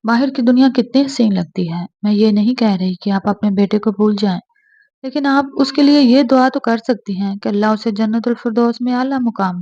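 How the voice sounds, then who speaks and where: A woman's voice: medium pitch, darkish tone, no room sound, muffled recording, lightly acted. A woman voicing a caring, earnest young wife in a storybook reading. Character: young married woman, caring but defiant.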